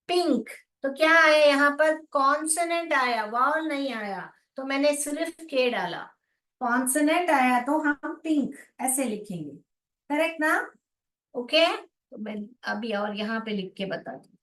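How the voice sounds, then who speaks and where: A woman teaching an online phonics class, repeating sounds slowly and coaxing her students. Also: high-pitched, animated, fairly bright tone, far from the mic. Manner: slow, repetitive, coaxing, calls students beta. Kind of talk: live class explanation to students. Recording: echoey room, voice off-mic.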